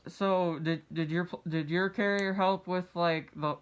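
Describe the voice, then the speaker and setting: A young American man interviewing in a casual, halting way, feeling his way through questions. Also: high voice, steady tone, clean tone. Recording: slightly dull, muffled sound.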